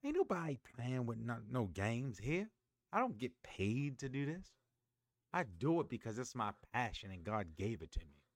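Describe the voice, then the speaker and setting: Guy preaching hard on his podcast, mid pitch, real dry close sound, gets emphatic. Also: big pitch swings, normal speed, no echo. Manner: preachy, emphatic, calls on listeners to repeat. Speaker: motivational podcast host. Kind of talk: motivational monologue.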